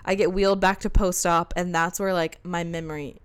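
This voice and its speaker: A young woman hosts a podcast and tells a story in an animated, conversational way. Her voice sits a little low, and she acts out other people's lines as she goes. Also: a little fast, clear, resonant tone. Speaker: podcast co-host. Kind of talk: casual chat.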